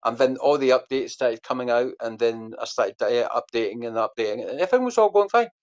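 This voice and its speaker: A podcast guest with a medium-pitched, lively voice talks fairly quickly, rambling through a long story packed with fillers and restarts before quizzing his hosts. The lo-fi audio sounds dull.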